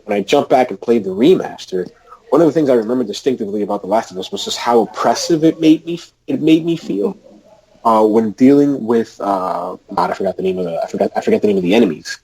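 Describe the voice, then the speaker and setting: A man's voice: medium pitch, animated, fast talker, gravelly, crowd noise, poor audio. A man co-hosting a gaming podcast, eager and tripping over his words. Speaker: podcast co-host. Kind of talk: casual gaming chat.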